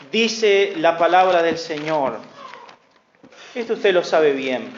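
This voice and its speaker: A man's voice: high voice, slight background noise. A male pastor preaching an earnest sermon, often calling his listeners brother and sister. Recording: echoey, dull church recording.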